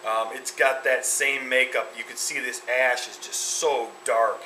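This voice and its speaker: Man talking with a cigar at his lips. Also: mid-range voice. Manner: relaxed, halting, many ums and uhs. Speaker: cigar reviewer. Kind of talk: casual review talk. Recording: echoey room with faint ambient noise.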